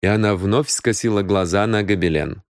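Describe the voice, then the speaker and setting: A male narrator reads an audiobook with an expressive storytelling delivery. His pitch moves a lot, rising and falling with the phrases. The recording is close and dry. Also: moderate pace, dry recording. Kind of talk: scripted narration.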